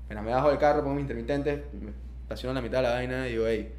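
Young adult male, Panamanian accent, rapid casual storyteller, slangy with sprinkled English, mid-range voice. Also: mid-range voice, a little mellow. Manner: slangy, mixes in English words. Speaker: interview guest.

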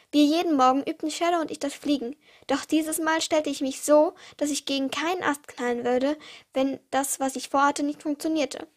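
A teenage girl reading her own short stories aloud for her podcast, with small slips and restarts. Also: high-pitched. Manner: reads with small slips and restarts, uneven pace.

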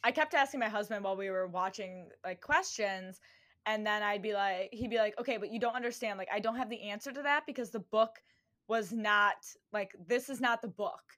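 A young woman hosting a podcast, chatting casually and telling lively stories with acted-out quotes. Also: medium pitch, a little fast. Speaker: podcast host. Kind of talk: casual chat.

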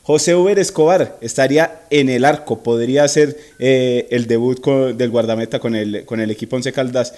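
A man's voice: mid-range voice, steady tone, moderate pace, hardly any pauses, a little mellow. A man, a sports radio reporter giving team news politely with some hesitation.

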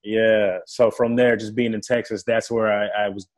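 A young native French speaker from the Democratic Republic of Congo, who works in player engagement for a football team, tells his life story as a guest in a casual interview. His lowish voice is flat and moderately paced, yet his account is earnest and vivid.

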